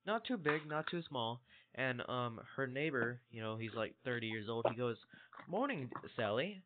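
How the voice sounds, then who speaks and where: A man's voice: mid-range voice, moderate pace. A man co-hosting a crude podcast, swearing often and rambling through stories in casual chat. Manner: swears a lot, rambling storyteller. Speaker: podcast co-host. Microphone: online voice chat. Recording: tinny voice chat line.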